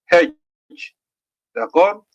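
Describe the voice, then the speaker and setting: A middle-aged man with a Guinean French accent teaching a literacy lesson, slowly sounding out syllables and often checking in with the class. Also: lo-fi sound. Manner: slow, deliberate, repeats each sound; checks in with "d'accord?".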